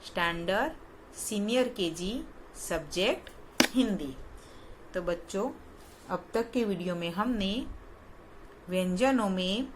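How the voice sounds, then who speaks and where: A woman teaching young children in a recorded lesson, patient and repeating each sound with clear stress. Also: on the low side, a little hiss or hum. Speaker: kindergarten teacher.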